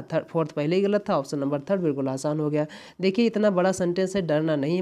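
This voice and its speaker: Guy tutoring exam english, mellow warm tone, keeps repeating stuff and going "hai na". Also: high-pitched. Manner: explains step by step, repeats key words, frequent "है ना" tags. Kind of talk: exam-prep lesson.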